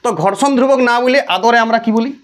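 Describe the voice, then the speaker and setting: A man's voice: extremely high pitch, brisk. A man teaching a physics lesson, asking the class questions and answering them himself. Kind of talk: classroom lecture.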